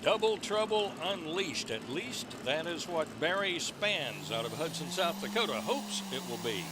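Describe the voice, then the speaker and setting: A man's voice: a little high, very animated, moderate pace, background noise. A man hosting televised tractor pull coverage as an announcer, introducing pullers in a broadcast commentary style. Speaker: host and play-by-play announcer.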